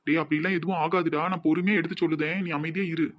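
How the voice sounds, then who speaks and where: A man voicing a steady young male friend with a Tirunelveli accent, talking in a calm, soothing, reassuring way in a cartoon. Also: a little high, rapid-fire, highs cut off, voice pushed down, lightly acted. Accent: Tirunelveli Tamil.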